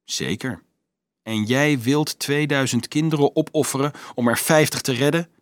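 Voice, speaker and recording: A man voicing a calm, dryly mocking young male student who argues reasonably. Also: mid-range voice, normal speed, no room sound, lightly acted. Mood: reasoning. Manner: calm, dry, sometimes pleading.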